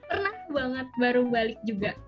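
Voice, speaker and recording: A young woman from Riau tells travel stories in a relaxed chat. Her voice sits high and she talks in a lively, animated way, acting out the lines of people in her story. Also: normal speed, highs cut off, faint music behind. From Riau, Indonesia. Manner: lively, animated, acts out quotes. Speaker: guest.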